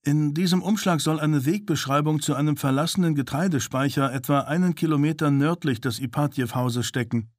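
A man's voice: fairly high pitch, fairly quick, few pauses, no echo, studio quality, pitched above the performer's own voice, close to an everyday voice. A man voicing a desperate young male agent, speaking urgently and earnestly in a raised voice.

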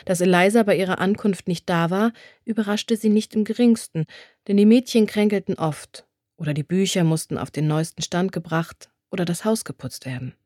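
A woman narrating a novel in a measured, even storytelling manner. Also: on the low side, no room sound, studio quality. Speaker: audiobook narrator.

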